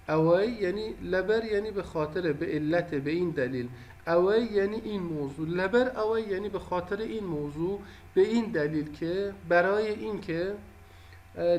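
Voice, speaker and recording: A man's voice: high-pitched, slight background noise. A man teaching a language lesson, patiently repeating and explaining each phrase.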